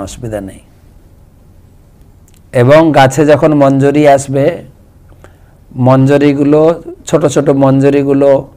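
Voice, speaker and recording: A man's voice: medium pitch, dark tone. A man, a monk patiently answering devotees' questions with homely examples. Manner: patient, explains with homely examples and sung chants.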